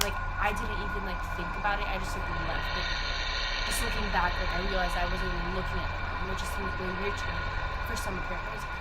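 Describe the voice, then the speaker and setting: A woman's voice: medium pitch, heavy background noise. A young woman telling a personal spooky story in a casual, chatty way, full of informal filler words. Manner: chatty, informal, frequent filler "like" and "you know". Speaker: vlogger. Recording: music playing behind the voice. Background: music.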